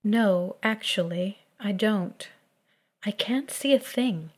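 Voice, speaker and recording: A proud, stern young woman who has been left weak, read by a woman telling a story. She speaks quietly, in short and clipped words, with a peevish edge. The pace is slow. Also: mid-range voice.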